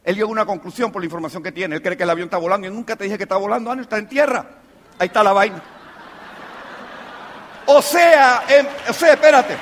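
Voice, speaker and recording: A business mentor with a high, fairly bright voice gives an emphatic motivational talk to his team, firing off rhetorical questions. The recording carries the long reverb of a live hall, along with a little hiss or hum.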